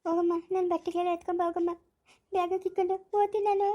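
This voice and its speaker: High quick woman playing a pleading mother-in-law, family drama, faint background noise. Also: flat delivery, mellow. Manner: pleading, apologetic.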